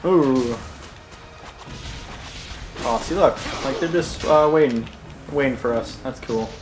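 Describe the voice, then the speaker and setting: Man, let's play commentary, rambling, self-correcting jokes, average pitch, loud game music behind. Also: takes it slowly. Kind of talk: casual gameplay commentary. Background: game music and sounds.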